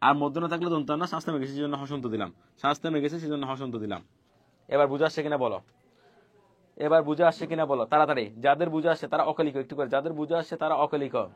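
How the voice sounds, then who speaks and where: A man with a fairly high voice and no echo teaches pronunciation rules in a fast online lesson, repeating each point and quizzing his students.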